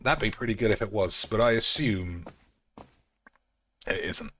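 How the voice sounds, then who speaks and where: Lowish voiced guy streaming a game, crude and jokey, talks to himself a lot. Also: measured pace, soft background music. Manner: crude, joking, thinks out loud. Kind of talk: casual gameplay commentary.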